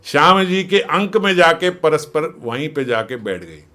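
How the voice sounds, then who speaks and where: A man giving a devotional scripture discourse, animated, acting out the dialogue and often laughing. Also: a little high, a little slow. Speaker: devotional storyteller.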